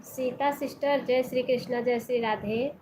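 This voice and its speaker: A woman with a Hindi accent from the Awadhi region hosts a live stream, talking casually to viewers and reading their comments aloud. Her voice sits fairly high, and she greets each viewer by name. A faint hiss runs under her phone recording. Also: steady tone, moderate pace, a little mellow, low-quality recording. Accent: Hindi with Awadhi region background.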